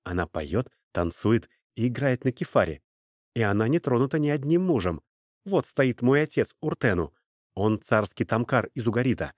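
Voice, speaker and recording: A man voicing a young trader's son, a smooth but quick-tempered talker. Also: mid-range voice, very animated, dry recording, clean studio sound. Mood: pleading.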